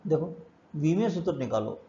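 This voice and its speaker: Man, physics teacher, explains step by step, asks himself questions, mellow voice, muffled lo-fi recording. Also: on the high side, big pitch swings, moderate pace, slight background noise. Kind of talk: classroom lecture.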